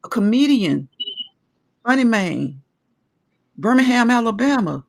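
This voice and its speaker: A woman's voice: a little high, very animated, measured pace, gravelly. A woman in her forties talking at length in a casual discussion, earnest and emphatic as she explains her views. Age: 40s.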